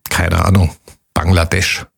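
A man hosting a podcast quiz, chatting casually and joking, then reading the questions out slowly. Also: deep voice, level tone, gravelly, husky. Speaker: quiz host.

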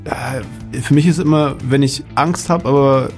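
A man's voice: medium pitch, unhurried, soft background music. A man from Nuremberg, a big wave surfer, speaking as a guest in a radio interview, thoughtful and hesitant with many fillers. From Nuremberg, Germany.

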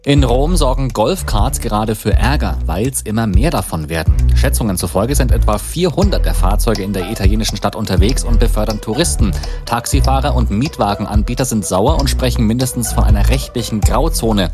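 A man reading the radio news in an even, formal, scripted delivery. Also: lowish voice, fairly quick, music in the background. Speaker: newsreader.

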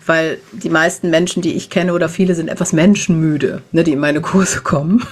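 A woman's voice: low voice, steady tone, fairly quick, slight background noise. A woman in her fifties, a podcast guest who talks in a chatty way and often tags her sentences with a questioning "ne?". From Germany, raised in the Netherlands. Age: 50s. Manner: chatty, warm-hearted, lots of "ne?" tags. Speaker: podcast guest, animal communication teacher. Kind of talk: casual podcast interview.

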